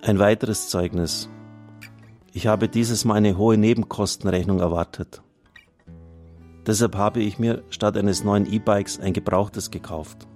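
A priest hosting a radio show reads out listener messages and appeals for donations in an earnest, plain-spoken way. His fairly low, darkish voice stays steady and unhurried, with faint music behind him.

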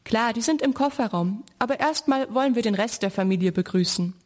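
A woman's voice: on the high side, a little fast, close to an everyday voice. Cheerful grandma, read by a woman, friendly, praising, storybook reading.

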